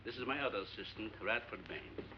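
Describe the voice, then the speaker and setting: A man's voice: fairly low pitch, a little fast, a little hiss or hum, lightly acted. An actor playing an older male scientist who hosts guests on an island, speaking in a formal, explanatory manner. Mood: earnest. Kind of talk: 1950s film acting. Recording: dull old film soundtrack with faint music.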